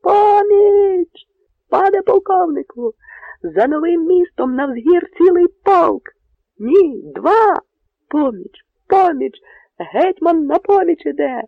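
A man voicing a young male Cossack sentry who shouts in loud excitement, in an audiobook reading. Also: extremely high pitch, takes it slowly, no room sound, pitched above the performer's own voice, heavily acted. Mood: shouting, jubilant. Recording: narrow phone-like radio sound.

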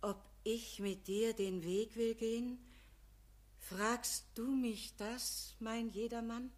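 Frail female spirit played by an actress, weak pleading voice, slightly high, unhurried, Bavarian stage verse. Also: fairly bright tone. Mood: sorrowful devotion. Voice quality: weak, feeble voice. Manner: labored, pleading, slow. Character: frail infirm nun-clad spirit of Good Works, plaintive and devoted. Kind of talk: verse morality play in dialect.

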